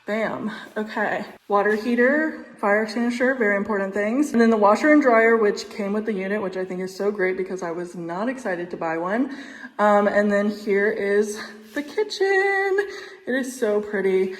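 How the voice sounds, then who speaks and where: A woman's voice: mid-range voice, moderate pace. A woman giving a casual, bubbly, enthusiastic vlog tour, chatting in an echoey, empty apartment. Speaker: vlogger. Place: indoors, small empty unfurnished apartment.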